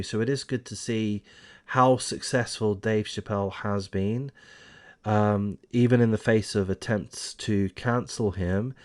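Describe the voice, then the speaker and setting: A man hosting his own channel, giving casual, opinionated news commentary in a rambling way with many ums and uhs. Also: fairly low pitch. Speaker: channel host. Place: home in Australia.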